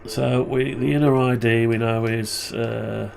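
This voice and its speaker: A man's voice: mid-range voice, level tone, measured pace, gravelly, a crowd in the background. A man with a muffled, blocked-nose voice, tired and stuffed up with flu, rambling as he thinks aloud through a casual hobby tutorial. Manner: rambling, muttering to himself. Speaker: hobbyist presenter.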